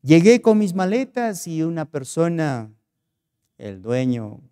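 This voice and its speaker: Slow, mellow Peruvian pastor preaching. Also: male voice, a little high, very animated, smooth. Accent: Peruvian Spanish. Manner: earnest, rhetorical questioning, storytelling. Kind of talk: sermon.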